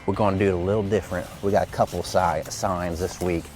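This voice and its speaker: A man with a low, steady, slightly mellow voice talks fast over a bit of background noise. He's hosting a kids' gym video, chatting casually and playfully while instructing a helper as they set up a prank.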